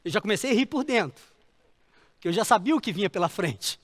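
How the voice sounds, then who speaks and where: A middle-aged man, preaching a sermon as a pastor and telling a story with lively repetition. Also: high-pitched, fairly quick, big-room sound. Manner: animated storytelling, repeating phrases for emphasis.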